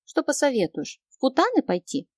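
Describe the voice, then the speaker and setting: A woman's voice: sits high, huge pitch swings, normal speed, no echo, studio quality, pitched above the performer's own voice, exaggerated voice. A woman reading as a tearful young woman, pleading. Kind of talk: audiobook dialogue reading.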